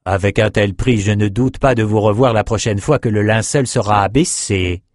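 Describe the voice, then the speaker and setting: A man reading an audiobook, voicing a calm, measured male chief sorcerer. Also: lowish voice, no room sound, studio quality, lightly acted.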